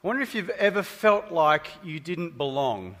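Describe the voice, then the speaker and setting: This Australian preacher has a somewhat high, slightly bright voice with a sing-song lilt and a moderate pace. He chats with the congregation during his sermon in a church hall, and the sound echoes around the room.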